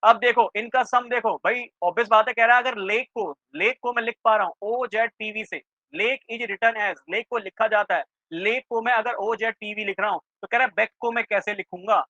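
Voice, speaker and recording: A man teaching a reasoning class for exam prep, quizzing students with quick questions and checking often that they follow. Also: high voice, steady tone, sharp tone, no echo. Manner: keeps checking in with students, asking "clear?". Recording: dry, slightly dull lo-fi sound.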